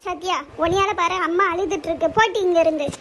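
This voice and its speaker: A bossy teenage girl tattles and whines to her mother, as a woman voices her. Her very high voice pleads in a cartoon family comedy. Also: quick pace, noisy background. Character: Ramya, bossy tattling elder teen daughter.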